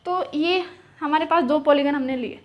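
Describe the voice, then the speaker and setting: A young woman, a math teacher, explains geometry at a whiteboard, posing questions and answering them herself while repeating key terms. Her voice sits high and she speaks at a moderate pace. The recording sounds muffled.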